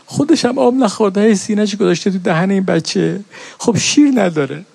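A middle-aged man with a high, gravelly, darkish voice delivers a mourning sermon, his tone slightly rough. He shifts from simple storytelling into a passionate, grieving chant of recited verses. The recording is dry and close, with no echo or room sound.

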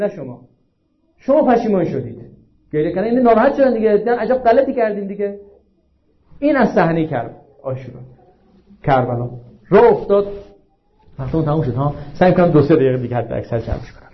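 High-voiced male preacher, dull recording. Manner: asks the audience frequent rhetorical questions; slows down to recite and stress quotations. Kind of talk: religious sermon.

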